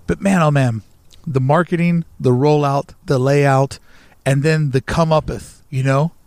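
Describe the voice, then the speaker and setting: A man co-hosting a podcast, talking in an animated storytelling way and acting out quick quoted voices. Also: on the high side, dry recording. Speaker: podcast co-host. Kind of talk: casual chat.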